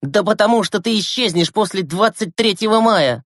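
A man reading an audiobook who voices a brash, impatient teenage boy with a sharp, forceful delivery. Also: sits high, normal speed, dry recording, clean studio sound, voice pushed up. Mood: urgent.

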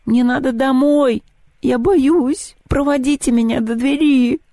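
A man's voice: very high-pitched, a little slow, mellow, no echo, pitched above the performer's own voice. A man reading an audiobook voices a panicky, tearful schoolgirl who wails and shrieks in hysterics. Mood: hysterical. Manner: wailing, hysterical.

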